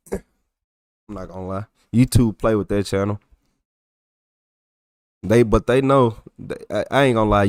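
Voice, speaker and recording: A young adult man with a thick Texas accent is loosely chatting on a livestream, responding to comments from viewers. His voice is fairly low with a clean tone. The audio is clean studio sound with no echo.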